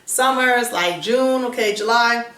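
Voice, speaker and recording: A woman's voice: fairly high pitch, normal speed, a bit bright. A woman hosting a vlog, chatting in a casual, upbeat way with lots of fillers. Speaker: vlog host. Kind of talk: casual chat. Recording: roomy echo, mic at a distance.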